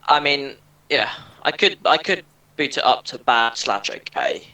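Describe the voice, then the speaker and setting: A man's voice: mid-range voice, sing-song, measured pace, recorded from a distance, rough recording. A young man co-hosting a casual chat about games, laid-back and easygoing. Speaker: co-host. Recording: bright voice heard from off the mic.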